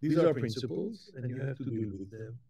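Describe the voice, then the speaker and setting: A man giving a conference keynote lecture, talking in a halting way with frequent restarts and repeated words. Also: mid-range voice, expressive, mellow, slightly rough. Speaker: keynote speaker.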